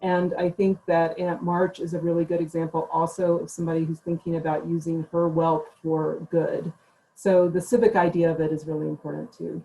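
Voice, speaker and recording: A woman professor speaks unscripted at a book club meeting, musing reflectively in long sentences. Her voice is dark and mellow, sitting low with very little rise and fall. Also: a little hiss or hum, rough recording.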